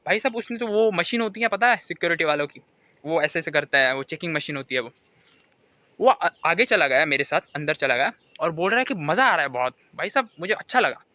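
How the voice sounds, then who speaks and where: A young man telling a comic monologue to camera, animated storytelling that keeps circling back to a catchphrase. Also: sits high, no echo. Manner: animated storytelling, keeps repeating "bhai sahab". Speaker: comedy vlogger. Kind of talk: stand-up style comic monologue.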